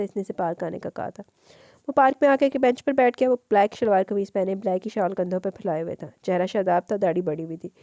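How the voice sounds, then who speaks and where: A woman narrating a romance novel as an audiobook in a steady storytelling manner. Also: medium pitch, no echo.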